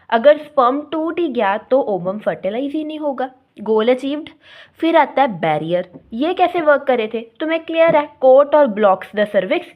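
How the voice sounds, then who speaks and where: A woman teaching nursing pharmacology, reading points slowly and explaining them quickly with questions to her students. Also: high voice. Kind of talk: classroom lecture mixing Hindi and English. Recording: slightly muffled lo-fi sound.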